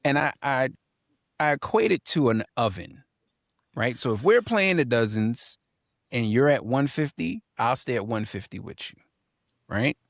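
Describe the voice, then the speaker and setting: Animated, gravelly man on a podcast panel. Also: medium pitch, measured pace, dry recording, clean studio sound. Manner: animated, emphatic, repeats lines for punch; reads viewer comments aloud and laughs. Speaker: podcast co-host. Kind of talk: casual panel discussion.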